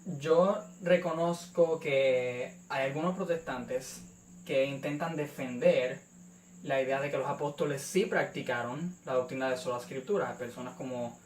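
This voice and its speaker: A young man from Puerto Rico with a Puerto Rican accent, hosting his channel and calmly explaining a theological rebuttal, pausing often on "eh". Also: medium pitch, reverberant, far from the mic, a little hiss or hum, poor audio. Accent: Puerto Rican Spanish. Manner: measured, frequent "eh" fillers. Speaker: YouTube channel host. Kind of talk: apologetics response video.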